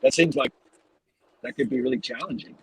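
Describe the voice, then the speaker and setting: A man's voice: medium pitch, brisk, gravelly, fairly bright tone, slight background noise, poor audio. A man hosting a podcast, asking long, searching, rambling questions in a casual interview. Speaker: podcast host.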